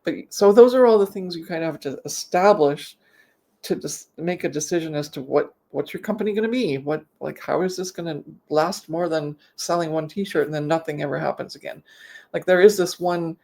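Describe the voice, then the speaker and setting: A woman's voice: low voice, normal speed, vocal fry. Lisping woman wearing a mouthguard. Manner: animated, rambling with examples and self-corrections. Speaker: business coach. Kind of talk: casual explanatory chat. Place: home office, on a video call.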